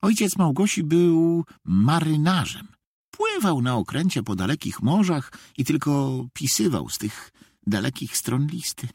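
Slow storybook narrator, husky, voice swings widely, very dry sound. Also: no echo. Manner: slow, very lively pitch. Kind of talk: first-person storybook narration as a teddy bear.

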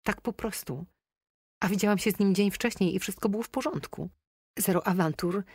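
A woman's voice: medium pitch, normal speed, a little mellow, slightly rough, no room sound, pitched above the performer's own voice. A weary young woman nursing a broken heart, as a woman narrator puts her on. Her voice sounds tired and strained, with a sniffle. The storybook reading is dry and close. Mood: heartbroken. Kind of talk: audiobook character voice.

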